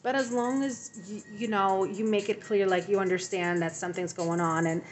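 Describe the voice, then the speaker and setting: A woman's voice: medium pitch, steady tone, moderate pace, a little hiss or hum. A woman giving a tarot reading to her viewers, speaking in a reassuring way with frequent ums and repeated phrases. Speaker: tarot reader.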